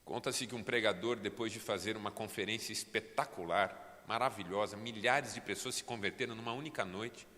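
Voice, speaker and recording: A Brazilian man preaching a fervent sermon as pastor, building to near-shouts, in a church. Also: lowish voice, a little fast, hardly any pauses, in a large hall. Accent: Brazilian Portuguese.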